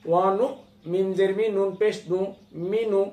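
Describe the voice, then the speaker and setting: A man's voice: high voice, fairly even intonation, moderate pace, mellow, echoey room. A man with a Bangladeshi accent teaching Quran recitation, patiently spelling out Arabic words letter by letter and repeating each syllable.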